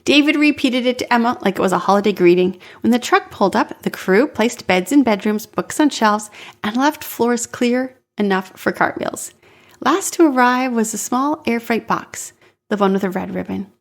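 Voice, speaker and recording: Calm woman narrating a moving-company ad. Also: fairly high pitch, moderate pace. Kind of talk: scripted storytelling narration.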